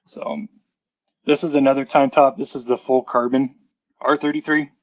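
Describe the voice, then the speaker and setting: A man's voice: medium pitch, fairly even intonation, moderate pace. Man sounding like he's talking through a tube. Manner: rambling, chatty, with many fillers and self-corrections. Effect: muffled, hollow sound as if talking through a tube, from a headphone mic. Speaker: streamer showing a die-cast model car collection. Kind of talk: casual live-stream chat. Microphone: headphone mic. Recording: dull, muffled headset mic.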